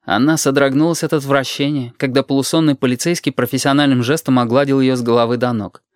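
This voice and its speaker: A man narrating an audiobook in a measured, ironic storytelling manner. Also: mid-range voice, fairly even intonation, no room sound, studio quality. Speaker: audiobook reader.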